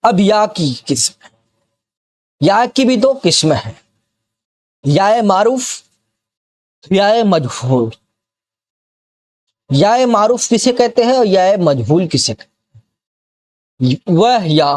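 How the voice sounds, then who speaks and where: Man, Bihar accent, tutor: high voice, unhurried, drills word lists and checks the student is following. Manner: slow, repeats example words and keeps checking the student follows. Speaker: Urdu grammar teacher. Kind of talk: classroom grammar lesson.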